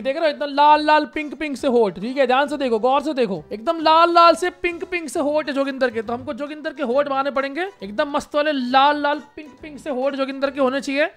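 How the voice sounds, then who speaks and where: Excitable young man, very high voice. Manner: excitable, repeats phrases in quick bursts, joking. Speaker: gaming YouTuber. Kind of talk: casual gameplay commentary.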